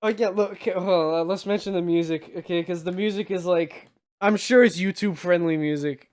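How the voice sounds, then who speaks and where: A man's voice: high-pitched, fairly even intonation, fairly quick. A tipsy man hosting a podcast, chatting casually and emphatically about movies with some swearing. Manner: tipsy, from drinking on the show. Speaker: podcast host. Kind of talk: casual movie review banter.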